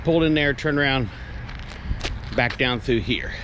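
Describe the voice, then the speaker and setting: A man in his fifties chats casually to a camera mounted in his truck cab, wandering from one thought to the next with plenty of ums and uhs. His voice sits at an ordinary middle pitch. A faint hum of vehicle noise runs underneath. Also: moderate pace. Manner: rambling, conversational, many fillers. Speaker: truck driver vlogger. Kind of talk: casual vlog monologue. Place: truck cab at night, earlier outdoors at a loading yard.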